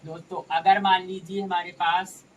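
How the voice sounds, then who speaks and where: A man's voice: sits high, little pitch movement, moderate pace. Male maths tutor, patient step-by-step explainer, slightly distant mic with light background noise. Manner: addresses viewers as friends, talks through each step. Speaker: maths teacher.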